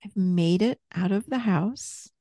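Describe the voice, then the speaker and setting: A woman therapist gently guiding someone through a parts-work session with patient, step-by-step prompts. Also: mid-range voice, measured pace, no echo, clean studio sound.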